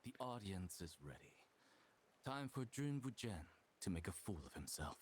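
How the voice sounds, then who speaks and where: An actor playing a confident, theatrical master in a martial arts game, husky and unhurried. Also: male voice, sits low, big pitch swings, a little mellow. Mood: smug, commanding. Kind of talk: scripted game voice acting.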